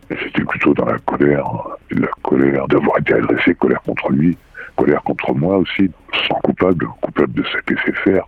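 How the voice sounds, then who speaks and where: A man giving a halting testimony, his voice disguised with a voice changer. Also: gravelly, husky, dry recording. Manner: slow, halting testimony with pauses. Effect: voice changer, pitched very low. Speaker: interviewed witness. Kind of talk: radio interview testimony. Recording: phone-like narrow band, dry.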